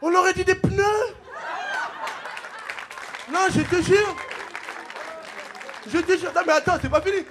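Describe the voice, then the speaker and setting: A man from the Congo doing loud, joking stand-up comedy on a TV stage, laughing through his lines. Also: extremely high pitch, a little slow, long pauses, crowd noise, noisy background. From Democratic Republic of the Congo. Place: TV studio stage with a live audience.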